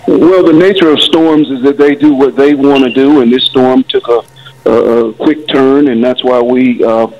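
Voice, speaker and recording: A man from Florida, a city mayor, speaking hesitantly and in measured official phrases in a live news interview by telephone. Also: medium pitch. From Florida, United States. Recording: dull, band-limited phone line.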